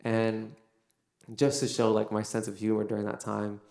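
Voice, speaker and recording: Young male speaker with a gravelly low voice, loose storytelling with lots of fillers, recorded in an echoey room. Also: monotone, normal speed, a little mellow. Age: young adult. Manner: casual storytelling, many fillers. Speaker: son giving a testimony. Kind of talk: personal faith testimony. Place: university venue.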